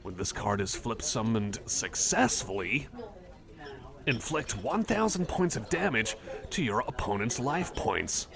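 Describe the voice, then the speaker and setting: Gravelly and a little slow, this medium-pitched man swings widely in pitch while roleplaying a friendly cyborg card nerd for ASMR. His rambling is enthusiastic yet hesitant and apologetic, set against busy cafe chatter.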